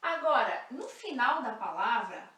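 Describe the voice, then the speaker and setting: A woman teaching a language lesson, speaking slowly and clearly, repeating example words and spelling out sounds. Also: fairly high pitch, very animated, fairly bright tone, reverberant, recorded from a distance. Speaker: Spanish teacher.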